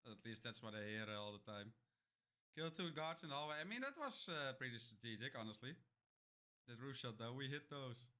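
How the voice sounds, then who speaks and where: A man's voice: mid-range voice, expressive, brisk, pushed and bright. A man casually talking through his own speedrun for his stream, loose and rambling with many fillers. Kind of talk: casual chat.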